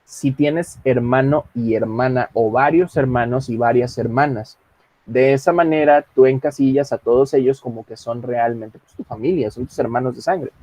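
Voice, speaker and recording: A man teaching English in an online class, explaining calmly and reading English example lines slowly. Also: mid-range voice, dry recording.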